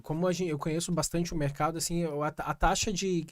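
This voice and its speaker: A man with a slightly high voice hosting a casual podcast. He affirms his guests and talks with frequent hesitations and fillers. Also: steady tone, brisk. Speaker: podcast host.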